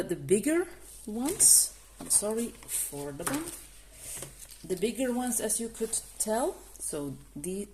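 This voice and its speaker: A woman's voice: mid-range voice, mellow. A woman who is not a native English speaker, casually reviewing art markers and stopping often to restart her sentences. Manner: hesitant, many restarts and fillers. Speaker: coloring channel host.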